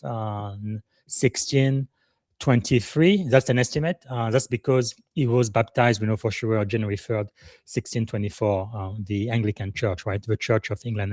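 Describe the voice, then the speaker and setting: A man's voice: medium pitch, darkish tone, no room sound. Guy doing a live podcast, lots of uhs, earnest, mid voice, dry sound. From Congo. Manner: hesitant, many "uh" fillers, earnest and emotional. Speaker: podcast host.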